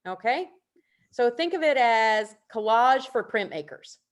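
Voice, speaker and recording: A middle-aged woman printmaker giving a virtual presentation over a video call, explaining prints with warm enthusiasm and casual asides. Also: on the high side, lively intonation, a little slow. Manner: informal asides and self-corrections. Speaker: printmaker presenting artists' work.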